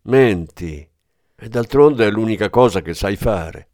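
A man voicing a grieving, menacing former policeman in an audiobook, with a hard, forceful delivery. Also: fairly low pitch, animated, unhurried, no echo, studio quality. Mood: threatening.

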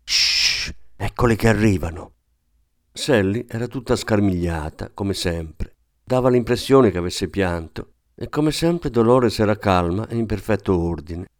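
Calm guy reading a novel aloud, kinda low voice, dry close mic. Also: measured pace, no echo. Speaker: audiobook narrator. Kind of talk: scripted narration.

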